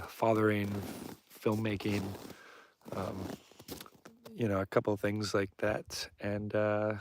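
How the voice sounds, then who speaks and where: Guy with a lowish voice doing a loose rambly live vlog outside, kinda self-deprecating, some background noise. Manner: informal, self-deprecating, easily sidetracked. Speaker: filmmaker live-streaming as a vlogger. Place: outdoors on snow and ice at an Antarctic camp. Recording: clear outdoor background noise.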